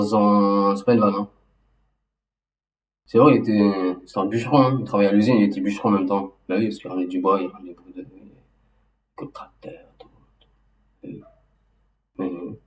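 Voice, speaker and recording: A man talking casually and loosely about his memories, halting and restarting often with lots of fillers. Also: lowish voice, steady tone. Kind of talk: casual rambling monologue. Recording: roomy echo, mic at a distance.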